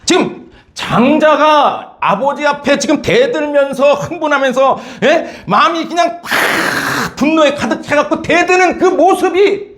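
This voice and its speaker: A male preacher giving a lively, story-driven sermon, often prompting listeners with "예?" and "여러분". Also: very high voice, a little slow. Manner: animated storytelling, frequent "예?" and "여러분".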